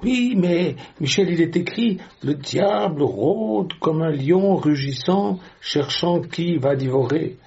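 A man voicing an anxious believer who raises objections in a pleading, higher voice. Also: animated, slow, creaky, hardly any pauses, a little mellow, dull audio, exaggerated voice. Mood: worried objecting.

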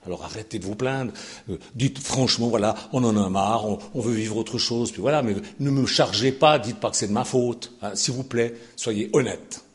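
An older man preaching a sermon, sarcastic and animated, dropping to low asides and rising to shouted peaks. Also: normal speed.

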